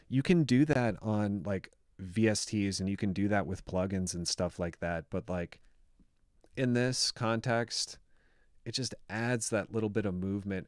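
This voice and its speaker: Chatty low-voiced male music producer. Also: darkish tone, no room sound, clean studio sound. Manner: chatty and enthusiastic, many "like" fillers. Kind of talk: casual production walkthrough. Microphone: studio microphone.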